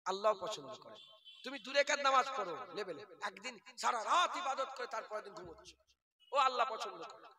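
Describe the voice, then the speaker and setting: Man, hoarse, sermon, very high pitch, repetitive sing-song preaching. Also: expressive, brisk, pushed and bright. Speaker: preacher at a religious gathering. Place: outdoor religious gathering.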